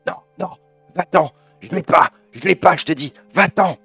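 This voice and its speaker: A man's voice: sits low, steady tone, brisk, creaky, a bit bright, dry recording, faint music behind, full character voice. A man voicing a guilt-ridden old recluse who mutters darkly and shrieks in terror. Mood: terrified shrieking.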